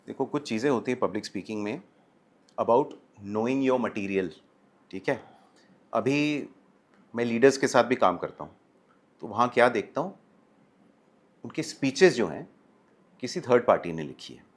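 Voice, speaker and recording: Animated Indian man coaching on speaking. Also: mid-range voice, moderate pace, long pauses. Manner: mixes Hindi and English, explanatory, animated. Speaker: communication coach. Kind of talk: podcast interview. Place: studio podcast set, indoors.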